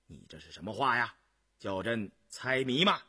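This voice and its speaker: A man's voice: medium pitch, very animated, normal speed, sharp tone, slightly rough, no echo, clean studio sound, exaggerated voice. A man voicing a stern, middle-aged emperor who snaps curt, imperious demands. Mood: agitated. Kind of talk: storytelling radio reading.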